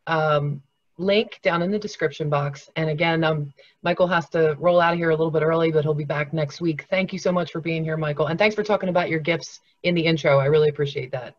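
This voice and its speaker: A woman's voice: deep voice, brisk, no room sound, lo-fi sound. A woman hosting a group video call, upbeat and thankful toward guests. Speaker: host. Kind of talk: casual group chat hosting.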